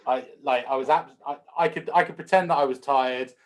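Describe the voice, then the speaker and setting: A man recalls his own blunders behind the bar, poking fun at himself and restarting his sentences often. It is a relaxed, casual group video chat. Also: medium pitch, fairly quick. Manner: self-deprecating, stumbling restarts. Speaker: pub manager.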